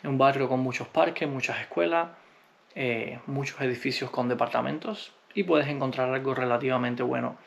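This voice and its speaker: A man from Cuba, answering viewer comments in a relaxed, unhurried vlog, often pausing with hesitations. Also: medium pitch, vocal fry, slight background noise. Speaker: vlogger.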